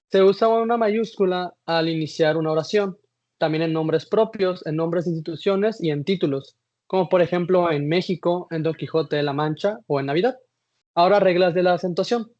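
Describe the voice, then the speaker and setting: A man with a high, slightly mellow voice gives a class presentation as a student, reading off slides with occasional hesitations and restarts. The recording is dull and lo-fi.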